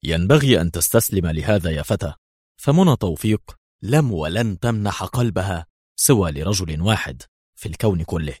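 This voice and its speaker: Man reading a fatherly officer; deep, husky, dry. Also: animated, moderate pace, a little mellow, no echo. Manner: eager, fatherly. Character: warm senior male intelligence officer.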